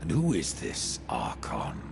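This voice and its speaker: Death, bottomless gravelly grim Horseman. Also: huge pitch swings, slow, background noise, heavily acted. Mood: curt, sardonic. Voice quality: very deep, gravelly. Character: Death, grim sardonic undead Horseman warrior, male. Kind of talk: video game cutscene acting.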